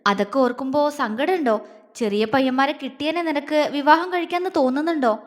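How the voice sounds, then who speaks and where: A woman's voice: high-pitched, a little fast, in a large hall, lightly acted. A woman voicing a tender, anxious husband who is fifteen years older than his wife, in a read-aloud romance story. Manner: pleading, emotional questions.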